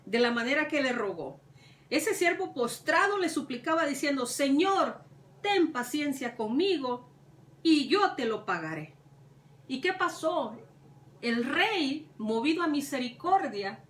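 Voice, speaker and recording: A woman's voice: high-pitched, a bit bright, a little hiss or hum. A woman preacher retelling a Bible parable, repeating herself and asking rhetorical questions. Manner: retells scripture with many repetitions and rhetorical questions. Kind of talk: Bible teaching. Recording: echoey room, mic at a distance, faint ambience.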